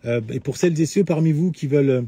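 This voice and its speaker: A man's voice: on the high side, fast talker, warm tone, breathy edge, dry recording. A middle-aged man talking at length in a lecturing way to his audience, full of hesitations and restarts. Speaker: host of a live talk answering questions. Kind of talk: unscripted lecture-style talk.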